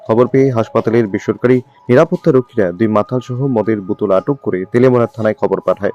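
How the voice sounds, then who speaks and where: A man's voice: mid-range voice, mellow, dull audio. A man reading a scripted news report as a reporter's voice-over. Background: background music.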